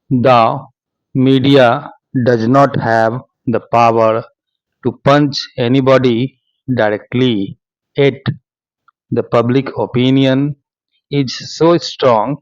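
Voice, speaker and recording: A man with an Indian accent dictating a speech for shorthand practice, measured and phrase by phrase. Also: mid-range voice, no echo, lo-fi sound. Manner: measured, phrase-by-phrase delivery with spoken paragraph marks. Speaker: stenography dictation instructor.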